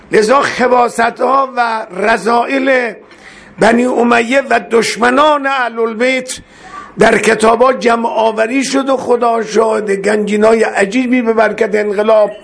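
High-pitched and a bit bright, with some vocal fry, a man delivers an emotional religious sermon. Reciting Arabic verses and explaining them, he speaks so passionately that his voice rises and breaks.

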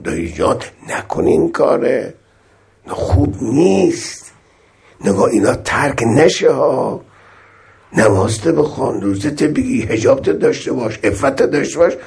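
Male preacher, raspy gravelly voice, lively pitch, alternates loud exhortation with soft scripture recitation. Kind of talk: sermon.

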